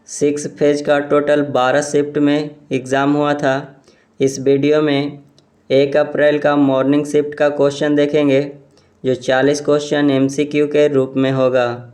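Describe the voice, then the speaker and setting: A man reading exam questions aloud and explaining each answer in a steady, repetitive way. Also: a little high, a little slow. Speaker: exam quiz presenter.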